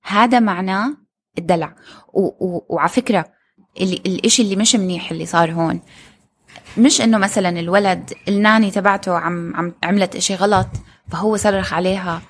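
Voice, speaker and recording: A woman's voice: medium pitch, a little fast, long pauses, slightly rough. A woman co-hosting a parenting chat, telling stories and quoting others expressively. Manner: storytelling, quotes others expressively. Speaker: podcast co-host, mother.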